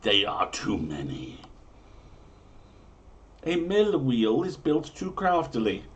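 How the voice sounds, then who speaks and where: Speaking slowly in a mid-range voice whose pitch swoops wildly, a livestream host gives a dramatic, theatrical reading of a comic in mock-medieval English. Afterward he shifts to relaxed conversation.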